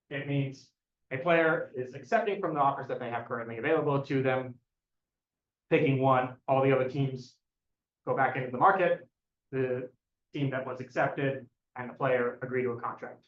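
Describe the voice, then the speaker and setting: A man giving an academic thesis defense presentation as a doctoral candidate, explaining in a hesitant, halting way with self-corrections. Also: mid-range voice. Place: echoey indoor room. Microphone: distant room microphone. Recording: dull, echoey room, distant mic.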